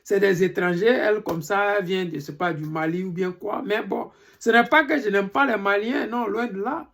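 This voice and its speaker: With an Ivorian French accent, a commentator originally from Côte d'Ivoire and based in Europe rails at his followers in an emphatic political monologue, repeatedly driving home his questions. His mid-range voice is gravelly and a bit bright, at a normal speed.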